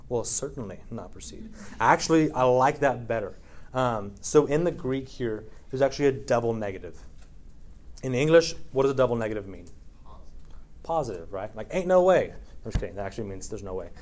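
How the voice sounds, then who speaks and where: A man's voice: mid-range voice, a little fast, darkish tone. Man, preacher, casual Bible study talk, frequent "right?" check-ins, lots of ums. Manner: frequent fillers, reads scripture aloud. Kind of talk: conversational sermon.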